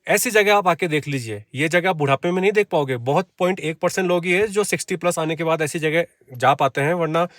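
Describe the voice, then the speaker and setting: A man vlogging a mountain drive, talking excitedly and chattily to his viewers, a little short of breath from the altitude. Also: fairly high pitch, fast, few pauses, no room sound. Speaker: travel vlogger. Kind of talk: travel vlog narration while driving. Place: inside a car on a mountain road.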